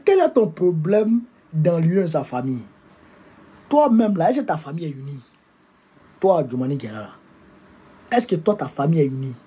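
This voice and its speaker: A man with an Ivorian French accent delivers a political rant, hurling insults and repeating his taunts. His voice is very husky and raspy, with a mellow tone sitting a little high for a man. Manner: combative, insulting, repetitive. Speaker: political activist.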